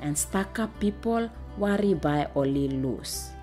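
Woman, Solomon Islands Pidgin, Solomon Islands accent, documentary narration, low and mellow, faint music behind. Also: lively intonation, unhurried. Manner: speaks in Solomon Islands Pijin. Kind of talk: scripted narration.

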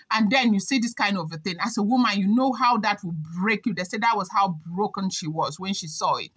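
A woman's voice: on the high side, fairly bright tone. A young woman sharing celebrity gossip to camera in a chatty way, often repeating that the news is only rumored. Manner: chatty, hedging with repeated disclaimers. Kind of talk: casual gossip commentary to camera.

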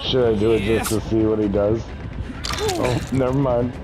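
A man's voice: lowish voice, fairly even intonation, moderate pace, low-quality recording. A man chatting hesitantly with friends while playing an online game. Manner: hesitant, rambling. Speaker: gaming friend. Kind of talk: casual gaming chat. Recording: game music under voice.

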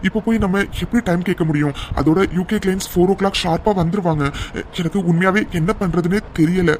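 A voice actor doing a fast, high-voiced young team lead. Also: male voice, noisy background, close to an everyday voice. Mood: stressed. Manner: hurried, pressured. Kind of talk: cartoon serial voice acting.

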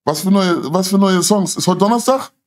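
A man's voice: sits high, moderate pace. A middle-aged man hosting a livestream, telling stories in casual street slang with insistent, emphatic repetition. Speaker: livestream host. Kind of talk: casual chat and animated storytelling. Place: small dim indoor studio.

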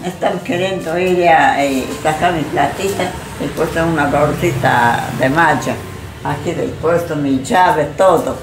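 A woman's voice: sits low, a little slow. An older woman, a shopkeeper, telling in a rambling, repetitive way how she was robbed, interviewed in her small shop. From Peru. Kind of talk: interview testimony. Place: small indoor corner shop. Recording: echoey room with loud background noise.

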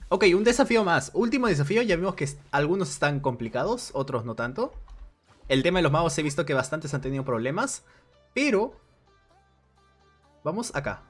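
A man's voice: fairly high pitch, big pitch swings, fairly quick, soft background music. A man giving casual gameplay commentary for a video game guide, thinking aloud as he plays in a chatty, conversational way.

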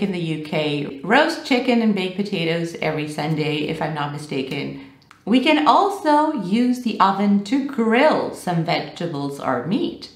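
A woman in her thirties teaching an English vocabulary lesson on camera, animated and gesturing as she explains. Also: fairly low pitch, reverberant. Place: small room with bookshelves, indoors.

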